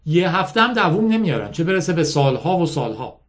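A man's voice: fairly high pitch, very animated. A man voicing a cautious, blunt young ex-prisoner in a storybook reading, speaking in a skeptical way. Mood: scoffing. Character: wary blunt young male ex-prisoner called Tank.

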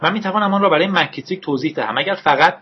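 A desperate young man begs and protests in a voice pushed well above a plain speaking pitch, as a man acts him out. The tone is husky, and the recording is dull and lo-fi. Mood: urgent. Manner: high, urgent, pleading. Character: young man, frantic and pleading.

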